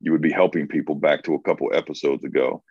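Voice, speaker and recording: A man's voice: extremely low pitch, steady tone, quick pace, darkish tone, slightly rough, dry recording. A man, co-hosting a casual advice talk for writers, thoughtful and prone to restarting his sentences. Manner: thoughtful, restarts and repeats words. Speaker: co-host, coach for writers. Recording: dry, dull lo-fi sound.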